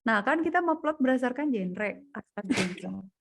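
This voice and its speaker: A woman's voice: fairly high pitch, lively intonation, moderate pace, vocal fry, background noise. Casual woman tutoring data science. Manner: casual, thinking aloud while walking through code. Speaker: coding tutor. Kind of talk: private coding lesson over screen share.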